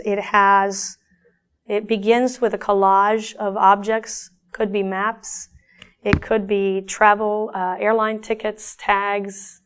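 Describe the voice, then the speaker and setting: Middle-aged woman artist from Argentina, resonant and clear, halting and reflective delivery. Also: medium pitch. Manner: thoughtful, halting, with frequent restarts. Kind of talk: speaking about her own artwork.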